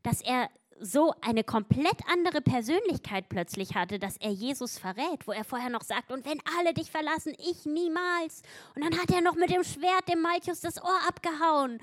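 Woman giving a sermon, fairly high voice, emphatic, acts out quotes. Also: lively intonation, moderate pace, few pauses. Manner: emphatic, acts out biblical quotes with rising intensity. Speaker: preacher.

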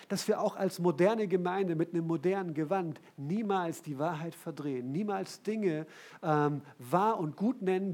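A man with a high voice preaches a sermon to his congregation. He talks in a relaxed, conversational way and keeps turning to the listeners with direct questions. He sometimes drops to a soft, quiet tone for tender lines. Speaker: pastor.

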